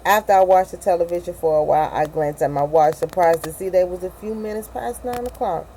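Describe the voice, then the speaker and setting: A woman's voice: fairly low pitch, quick pace, warm tone, a little hiss or hum, low-quality recording. A woman reading a novel aloud in an amateur audiobook style, often stumbling, correcting herself and adding asides. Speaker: reader of a novel.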